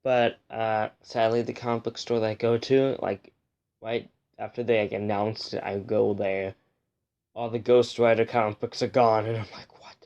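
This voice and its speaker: A man's voice: fairly low pitch, level tone, normal speed, darkish tone, muffled recording. A young man hosting a casual, rambling review, pronouncing his R's like W's and sometimes slipping on his L's. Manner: says w for r, sometimes slips on l. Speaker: host of a comic book review show.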